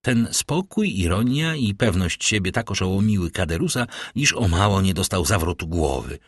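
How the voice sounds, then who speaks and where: A man narrates an audiobook in an expressive, storytelling manner. His low, husky voice moves with wide, lively inflection. The sound is dry and close. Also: moderate pace, no room sound. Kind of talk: scripted narration.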